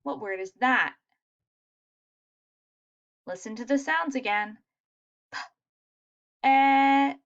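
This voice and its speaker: A woman teaching a phonics lesson to young children, sounding out letters slowly and praising answers. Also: fairly high pitch, lively intonation, bright, forceful tone, highs cut off. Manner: slow, sounding out letters, encouraging.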